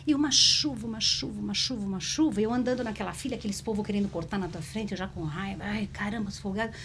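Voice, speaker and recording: A woman telling a personal story in a conversation, in a lively, emotional way. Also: medium pitch, quick pace, slight background noise. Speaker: spiritist speaker.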